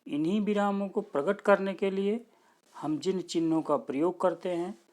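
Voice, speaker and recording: A man's voice: sits high, normal speed, a little mellow. A man, a lecturer at a teacher training institute, giving a grammar lesson and explaining each point step by step while repeating his examples.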